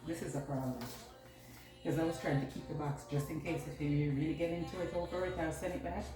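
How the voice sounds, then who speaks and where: A woman's voice: low voice, fairly even intonation, quick pace, music in the background. A woman chatting casually to viewers as she vlogs a home decor haul, rambling and talking to herself while busy. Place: echoey room at home, indoors. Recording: very echoey room, distant mic, noisy.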